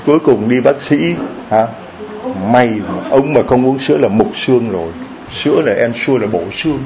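A man preaching a sermon in a lively, joking way, often asking the congregation questions. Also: medium pitch, moderate pace, dull audio, a little hiss or hum. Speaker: priest.

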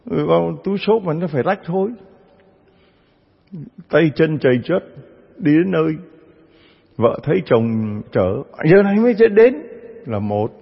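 Male priest, gravelly husky voice, storytelling sermon, long church reverb, dull sound. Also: a little high. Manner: storytelling, acts out parishioners' voices.

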